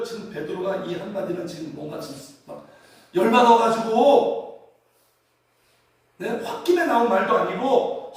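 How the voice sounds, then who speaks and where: A male pastor preaching a sermon in a church, animated and asking the congregation rhetorical questions. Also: high-pitched. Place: church sanctuary. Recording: very echoey hall from a distance.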